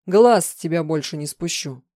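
A woman voicing a domineering young husband who talks firmly and mockingly, turning gentle. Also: deep voice, expressive, moderate pace, no echo, studio quality. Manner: firm, mocking, softening to gentle.

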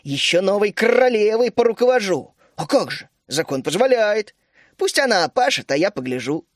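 A bossy little gnome queen, put on by a male reader, fires off brisk, mocking exclamations in a high, bouncing voice. The storybook reading is close and dry, with no room sound. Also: very animated, dry recording. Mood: merry. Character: bossy cheerful female gnome queen, small.

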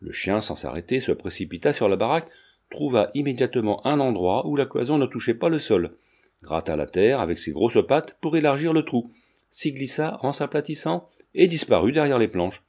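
A man narrating a classic novel in a steady, measured reading voice. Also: mid-range voice. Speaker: audiobook narrator.

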